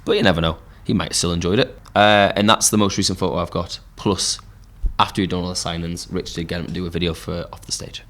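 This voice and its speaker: Deep-voiced Geordie man chatting. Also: fast, hardly any pauses. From Newcastle, England. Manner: relaxed storytelling with frequent fillers. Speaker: podcast host and musician. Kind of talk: casual pub chat. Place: pub.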